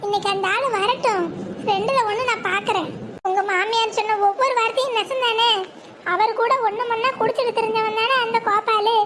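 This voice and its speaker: A woman's voice: very high-pitched, steady tone, fairly quick, a bit bright, a little hiss or hum. A woman acting as a fed-up wife in a comedy skit, complaining angrily. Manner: angry, complaining. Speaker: actor.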